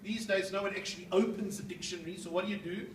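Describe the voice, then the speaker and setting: A man, a rabbi, giving a lively seminar talk to an audience, often asking them questions and tagging lines with "right?". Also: high voice, fast. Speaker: rabbi and motivational speaker. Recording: echoey room, mic far off, faint noise.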